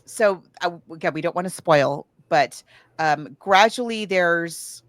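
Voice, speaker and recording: On this podcast, an American woman co-host talks casually about books and movies, spinning stories and often backtracking along the way. She speaks a little slowly in a voice on the low side, with no room sound in the recording.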